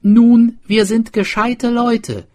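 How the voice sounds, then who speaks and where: A man voicing a clever, scheming pig herder from a village, raised and excited. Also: very high voice, takes it slowly, pitched above the performer's own voice. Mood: eager.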